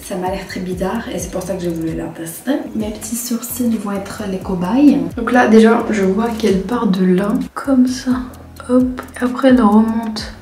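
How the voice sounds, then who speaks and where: Trying out tips at home and then in a bathroom, this young vlogger chats casually and pokes fun at herself. She speaks at a moderate pace with a medium-pitched, darkish voice; the room sounds roomy, with faint music playing.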